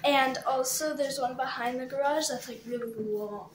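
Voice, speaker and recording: A young woman speaking hesitantly outdoors in the snow, with lots of fillers. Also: high voice. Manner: slow, hesitant, full of "like". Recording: echoey with faint noise.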